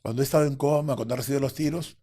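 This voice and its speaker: A man's voice: medium pitch, steady tone, very fast, warm tone. A man as an interview guest, telling a personal story vividly and acting out the voices of others.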